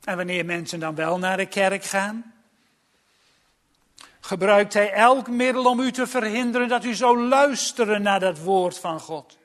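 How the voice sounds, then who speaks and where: A man's voice: high-pitched, a little slow, a bit bright. A male preacher giving a sermon in an earnest, emphatic and warning manner.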